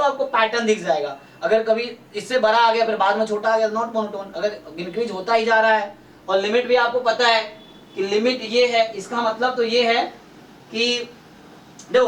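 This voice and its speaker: This male statistics and maths teacher's voice sits high with a fairly bright tone as he walks through problems step by step in Hindi and English, making sure students follow. It's a doubt-clearing online class, heard through a roomy, distant mic with faint noise.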